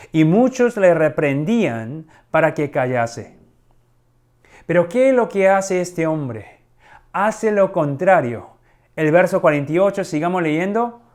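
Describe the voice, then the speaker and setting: A middle-aged man preaching a sermon, teaching slowly and deliberately and asking rhetorical questions. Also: high voice, darkish tone. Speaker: pastor.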